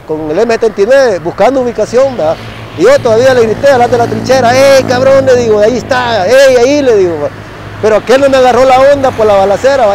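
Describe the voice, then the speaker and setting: A middle-aged man with a Salvadoran accent recounts his army days in a casual storytelling style, ending nearly every phrase with a quick "va" and imitating gunshots with his mouth. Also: high voice, darkish tone, a little hiss or hum, rough recording. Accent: Salvadoran Spanish. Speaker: former soldier telling a war story.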